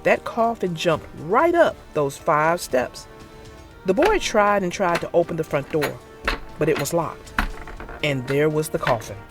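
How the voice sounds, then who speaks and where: A children's storyteller with a medium-pitched voice performs a scripted read-aloud for young kids, using very lively, swooping intonation. The theatrical, deliberate delivery plays over faint background music.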